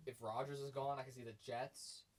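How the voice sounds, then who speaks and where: Co-hosting a sports podcast, this man talks casually in a medium-pitched voice that runs a little fast, with slight noise in the background. He's energetic and emphatic, growing loud and hyped as he argues his points.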